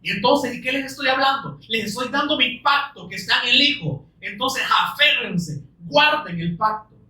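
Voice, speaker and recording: A man with a notably high voice delivers an earnest sermon, full of rhetorical questions and scripture read slowly for weight. He sounds set back from the microphone, and the room around him rings with echo. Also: expressive, pushed and bright. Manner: earnest, many rhetorical questions, slow emphatic scripture quotes. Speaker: preacher. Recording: roomy echo, distant mic.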